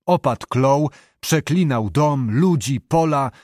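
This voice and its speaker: A man narrating a historical novel in an expressive, dramatic audiobook reading. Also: medium pitch, slow, no room sound, clean studio sound.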